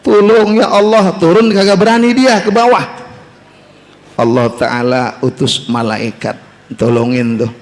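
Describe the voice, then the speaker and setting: A man's voice: medium pitch, a little slow. A man, an Islamic preacher telling a story in a sermon and teasing his audience. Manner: joking, teasing the audience directly.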